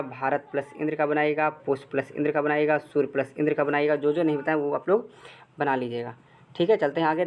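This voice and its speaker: A man's voice: on the high side, lo-fi sound. Male tutor, Bihari Hindi accent, classroom explainer who quizzes and answers himself. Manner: repetitive call-and-answer questioning. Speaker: teacher. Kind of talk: blackboard grammar lesson.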